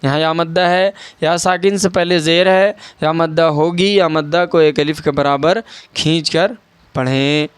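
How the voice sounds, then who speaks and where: High, clear-voiced man teaching Qaida reading. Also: fairly even intonation, no room sound. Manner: patient, spells letters out slowly and repeats. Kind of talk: online Qaida reading lesson.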